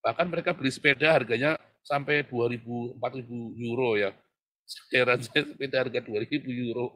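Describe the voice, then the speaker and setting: Seorang pria paruh baya berkhotbah kepada jemaat, berganti-ganti antara doa lirih dan seruan lantang, sering tertawa. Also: male voice, mid-range voice, a little fast. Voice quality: husky. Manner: animated, swings from hushed prayer to loud exhortation; laughs often, addresses congregation as "Saudara". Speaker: preacher. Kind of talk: sermon.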